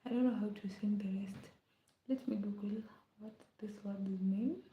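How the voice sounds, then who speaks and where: A woman's voice: mid-range voice, fairly even intonation, normal speed, warm tone, highs cut off, a little hiss or hum. A young woman from Kenya chatting casually on a live stream, often slipping into a whisper. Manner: chatty, often drops to a whisper, hums song lines. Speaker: livestreamer. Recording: echoey room.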